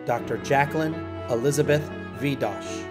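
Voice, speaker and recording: A man formally reading out graduates' names one by one at a ceremony, in a measured, announcing manner. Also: medium pitch. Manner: measured, announces each name. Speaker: ceremony name reader. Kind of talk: formal roll call of graduates. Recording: music playing underneath.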